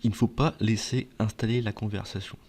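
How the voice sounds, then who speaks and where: A man with a lowish, husky, darkish voice with vocal fry gives advice in a brisk, steady manner. His semi-scripted explainer for viewers stays conversational, and he often poses questions only to answer them himself.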